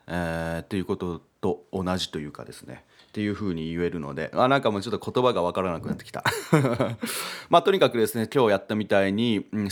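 A man hosting a casual music lesson, thinking aloud with many fillers and correcting himself as he explains. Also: lowish voice.

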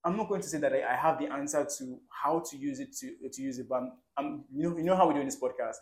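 With a slightly high voice, very animated delivery, fast speech, and vocal fry, a man co-hosts a casual podcast. He rambles earnestly and keeps checking "do you understand."

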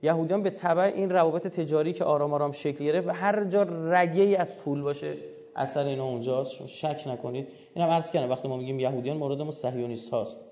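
A man lectures with emphasis, turning often to his listeners. His voice sits a little high yet sounds dark and mellow. The recording is dull and lo-fi, with a long hall reverb trailing each phrase. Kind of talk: religious history lecture.

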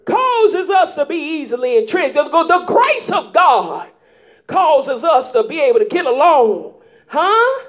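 Her voice strikingly high and sing-song, a woman preacher moves at a measured, unhurried pace through a sermon in plain folksy speech. Emphatic call-and-response marks her delivery as she climbs into shouts, repeatedly calling "huh?" to the congregation. The audio is dull and lo-fi.

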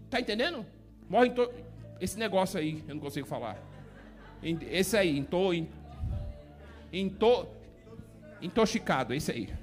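A Brazilian-accented male pastor with a notably high voice delivers a loose, chatty sermon. He jokes with the congregation and keeps asking whether they follow him, with faint music behind. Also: fairly bright tone. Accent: Brazilian Portuguese. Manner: folksy, joking preacher who keeps asking the listener "tá entendendo?".

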